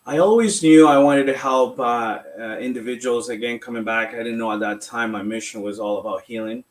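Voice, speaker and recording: A man from Colombia, a massage therapist, calmly answering interview questions and explaining his work. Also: medium pitch, fairly quick.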